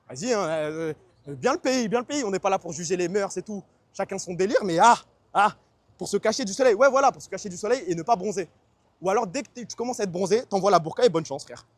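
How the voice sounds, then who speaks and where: A man streaming casually, chatting fast in slang and answering his chat. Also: sits high, dry recording. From France.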